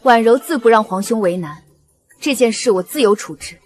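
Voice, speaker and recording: An actress playing a proud, composed young princess in a period drama, speaking in a cool, commanding, regal way with a slightly husky voice. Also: female voice, on the high side, animated, normal speed, a little mellow, faint music behind. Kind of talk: Chinese period short-drama acting.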